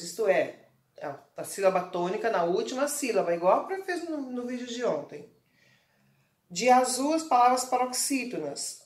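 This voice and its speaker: A woman's voice: medium pitch, echoey room. A woman teacher with a Brazilian Portuguese accent giving a recorded online lesson to children, explaining patiently and checking in often. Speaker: primary school teacher.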